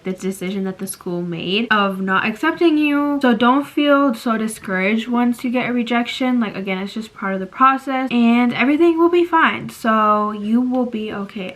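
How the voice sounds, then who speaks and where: A woman's voice: medium pitch, fairly bright tone, rough recording. Chatty teenage girl giving advice. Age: teens. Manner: chatty, fast, lots of "like" fillers. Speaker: vlogger. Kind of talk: casual advice chat. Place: bedroom at night. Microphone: phone at arm's length.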